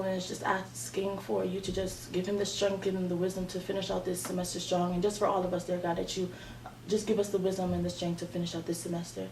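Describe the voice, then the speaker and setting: She has a mid-range, somewhat dark voice and is in her twenties, guiding a student group meeting in an earnest, prayerful way with plenty of fillers. A distant microphone picks her up in an echoey space with background noise.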